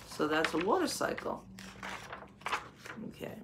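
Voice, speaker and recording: A female teacher reads a picture book to small children, explaining along the way and stopping to pose questions and check their answers. Her voice is low and highly animated, with a lot of background noise.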